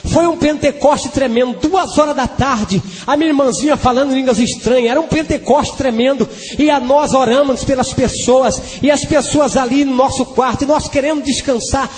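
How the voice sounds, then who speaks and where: A man's voice: very high-pitched, normal speed. A man with a Brazilian Portuguese accent, an evangelist giving a fervent testimony and sermon, breaking into tongues as he preaches. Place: church hall. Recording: long hall reverb with faint music.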